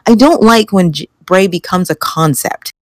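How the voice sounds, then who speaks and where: A woman co-hosting a casual chat show, animated and quick to laugh as she argues her view. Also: fairly low pitch, no room sound. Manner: animated, laughs often, mimics reactions. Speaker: podcast co-host.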